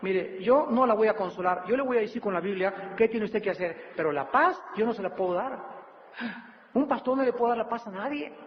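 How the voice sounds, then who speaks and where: A man preaching a sermon as a pastor, animated, acting out pleading voices of troubled people. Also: sits high, a little fast, slight background noise. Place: church or studio hall. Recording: dull reverberant hall recording.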